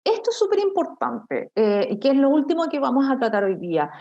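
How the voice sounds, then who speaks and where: Chilean woman teacher, middle-aged, bright higher voice, muffled lo-fi audio, talks straight to students. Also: sing-song, fairly quick. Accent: Chilean Spanish. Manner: explanatory, addresses students directly with frequent checks. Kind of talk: study-skills lesson. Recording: dull lo-fi recording.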